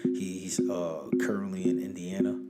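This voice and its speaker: Born in Harlem, New York, and raised in Rhode Island, this rapper chats casually as a podcast guest, his slangy talk rambling and circling back on itself. His low-pitched voice stays level at normal speed over loud music.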